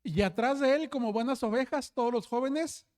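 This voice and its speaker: This preacher's voice is very high and a little mellow, moving at a moderate pace. He tells a story within his sermon, restarting frequently, turning to his listeners with constant asides, and often calling them "hermanos."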